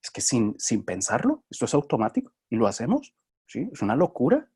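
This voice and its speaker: A man's voice: mid-range voice, wildly swooping pitch, fairly quick, warm tone, slightly rough. A man giving a phonetics lesson, hesitant, with many fillers and restarts, often checking in with his students. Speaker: phonetics teacher. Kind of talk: recorded lecture.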